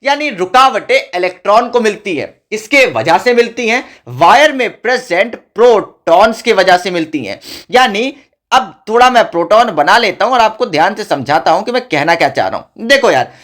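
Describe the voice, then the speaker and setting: A man's voice: high-pitched, lively intonation, moderate pace, fairly bright tone. A man teaching a school physics lesson in a casual, chatty way, talking to his students like friends and mixing in English terms. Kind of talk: casual classroom explanation.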